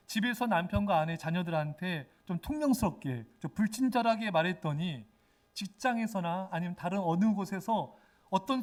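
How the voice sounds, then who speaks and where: Emphatic high-voiced male pastor preaching. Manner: emphatic preaching, acts out quoted speech. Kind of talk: sermon.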